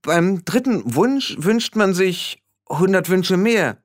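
A man voicing a prim witch teacher in an audiobook, speaking slowly and measured. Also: high-pitched, lively intonation, voice pushed up. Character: composed prim witch governess.

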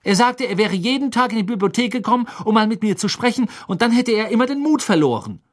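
A reader voicing a clever teenage girl witch in an audiobook, indignant and quick-talking. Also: mid-range voice, sing-song, breathy edge, voice pushed up. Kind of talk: audiobook character voice.

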